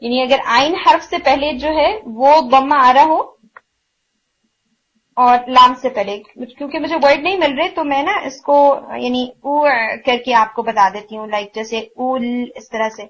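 A woman with a high voice teaches recitation pronunciation in a patient, explaining way. She drags out the example sounds slowly and repeats them, and mixes English words into her talk. The audio is a little muffled and lo-fi. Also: a bit bright, husky. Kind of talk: online tajweed lesson.

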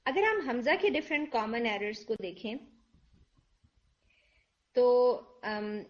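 A woman's voice: on the high side, sing-song, fairly bright tone, lo-fi sound. A woman teaching tajweed in Urdu, explaining patiently and mixing in English words. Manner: demonstrates letter sounds aloud. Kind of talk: online lesson.

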